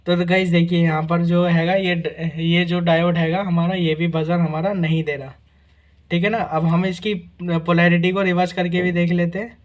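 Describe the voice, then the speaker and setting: A man's voice: high voice, level tone, normal speed. A man hosting a repair tutorial, walking through each test step by step and often checking in with "guys" and "theek hai na". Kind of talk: casual hands-on repair demonstration.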